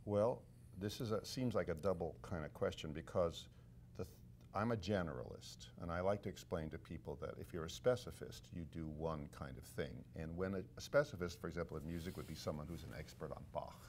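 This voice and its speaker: Man, very low voice, measured explainer, conductor guest, faint rumble behind. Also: a little mellow. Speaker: conductor and author. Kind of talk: casual interview chat.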